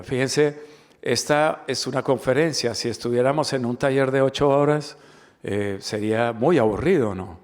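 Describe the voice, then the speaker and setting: This is a webinar lecture: a man from the Dominican Republic, speaking in a mid-range voice, runs a corporate training session. He speaks emphatically, asking rhetorical questions and repeating key words.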